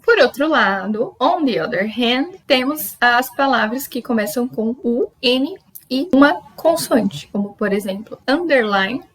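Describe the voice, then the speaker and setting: A young Brazilian woman giving a pronunciation lesson, explaining step by step and slowly repeating model words. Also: a little high, expressive, a bit bright, low-quality recording. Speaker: English teacher.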